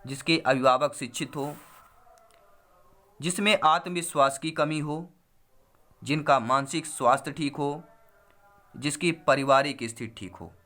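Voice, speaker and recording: A man's voice: mid-range voice, pushed and bright. A man teaching a Hindi exam-prep lesson, walking through answers step by step and repeating key phrases.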